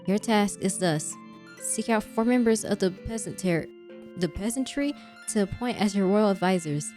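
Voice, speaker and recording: A woman voicing a pompous, ceremonial game announcer proclaiming decrees in a raised, louder voice. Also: medium pitch, normal speed, faint music behind, natural voice. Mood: grandiose.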